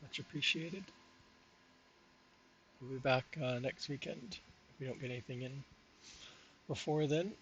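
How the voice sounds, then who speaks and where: A man's voice: medium pitch, measured pace, pauses often, highs cut off, a little hiss or hum. A man streaming a game live, chatting casually and thanking viewers, heard through livestream headset audio. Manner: relaxed, thinks aloud, thanks viewers by name. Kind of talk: casual gaming livestream chat.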